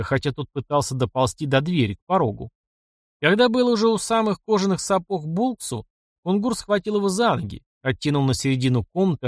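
Male audiobook narrator, expressive, animated pitch, dry close recording. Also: dry recording.

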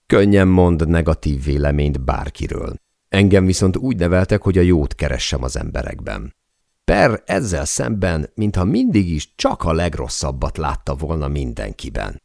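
Very deep, gravelly male audiobook narrator. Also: a little mellow, no echo, studio quality. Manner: measured, deliberate first-person reading.

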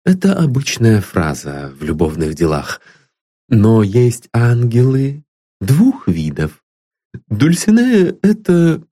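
A worldly young cynic drawling his ironic remarks as a male narrator puts him on. His voice swings between low and high as he mocks, giving it a lively rise and fall. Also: slow, full character voice. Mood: sardonic. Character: cynical worldly young man, sardonic friend.

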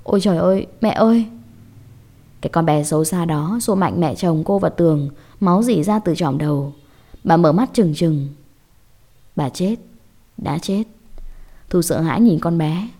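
A woman telling a scripted horror story in a measured, dramatic way. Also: sits low, dark tone.

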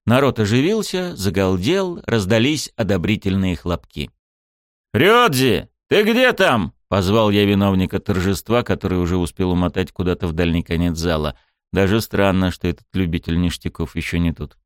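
A man narrating an audiobook in a lively, wry storytelling manner. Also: low-pitched, brisk, no echo, studio quality.

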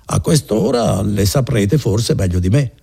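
A man's voice: on the low side, sing-song, measured pace, gravelly, dark tone, slightly rough, heavily acted. A man voicing a cheerful, worldly merchant who greets old acquaintances heartily, in an audiobook reading. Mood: hearty.

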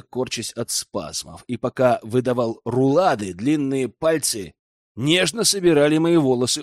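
A man narrating a fantasy audiobook in the first person, in a measured, expressive way. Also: mid-range voice, dry recording, clean studio sound.

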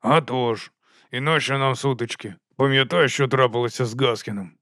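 A man's voice: mid-range voice, moderate pace, dry recording, clean studio sound, natural voice. A man doing a wheezy, grumbling watch corporal. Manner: mumbling, grumbling, hushed. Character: scruffy, wheezing, shifty older night-watch corporal.

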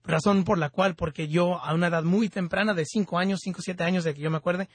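Higher-voiced man praying on the radio. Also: fairly even intonation, husky, dry recording. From born in Mexico, raised in the United States. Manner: halting, often stumbles and restarts words. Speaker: religious radio host. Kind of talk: prayer and devotional radio talk. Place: radio studio.

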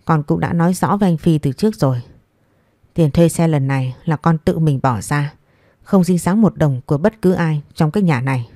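A woman's voice: low-pitched, mellow, no echo, clean studio sound. A woman voicing a young daughter-in-law who answers politely but firmly. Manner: respectful, measured, firm.

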